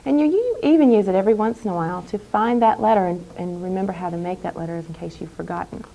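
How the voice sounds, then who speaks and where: A woman teaching young children in a classroom, speaking in a deliberate, carefully enunciated, instructive way and repeating key phrases. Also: mid-range voice, dark tone, highs cut off. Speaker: elementary school teacher. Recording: clear background noise in a classroom.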